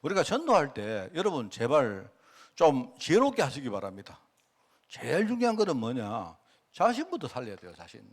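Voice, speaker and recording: A man's voice: mid-range voice, huge pitch swings, moderate pace. A male pastor preaching a sermon in a conversational way, often asking the congregation questions and using dialect turns of phrase.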